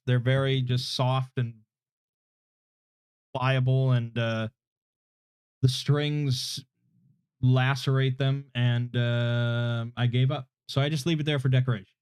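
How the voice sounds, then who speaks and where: A relaxed man in his thirties, a YouTube host, answers viewer questions from home in a casual live Q&A, hedging, joking at his own expense, and using plenty of fillers. His smooth, relaxing voice sits at a medium pitch. He's on a desk mic without his usual equalizer, so it sounds slightly muffled, and the room is dry with no echo.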